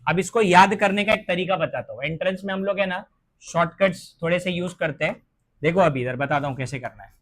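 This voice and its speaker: A man teaching a chemistry class, slowing down to dictate English terms and asking questions that he answers himself. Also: high-pitched, a bit bright. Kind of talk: classroom lecture.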